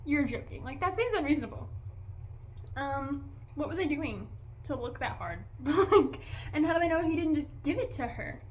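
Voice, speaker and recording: A woman's voice: sits high, sing-song, moderate pace. A young woman vlogger giving a casual, exasperated movie review, chatty and full of "like" and "okay?".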